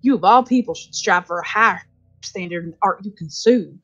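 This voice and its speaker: A woman's voice: mid-range voice, fairly quick, close to an everyday voice. Woman playing a blustering wannabe tough guy. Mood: indignant. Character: gruff middle-aged film-snob man in a leather jacket, combative. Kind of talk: dramatic reading of visual novel dialogue. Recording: dull lo-fi audio with music behind.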